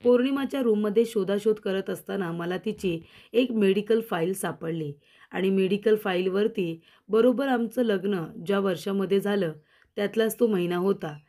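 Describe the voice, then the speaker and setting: A woman's voice: medium pitch, moderate pace, dark tone. A woman narrating a recap of a TV serial, often addressing the viewers directly as she retells the scenes. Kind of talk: storytelling recap.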